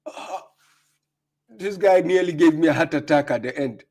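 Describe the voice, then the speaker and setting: A man's voice: a little high, moderate pace, darkish tone. A Ghanaian man hosting a live stream, reacting to clips with mocking commentary, laughing often and repeating himself.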